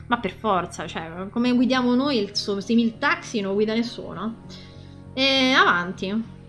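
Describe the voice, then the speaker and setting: A woman's voice: a little high, fairly bright tone. Wry Italian woman narrating a game. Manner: wry, swears lightly, reads game text in a storytelling tone. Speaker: gameplay streamer reading the story aloud. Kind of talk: casual gameplay commentary with narration.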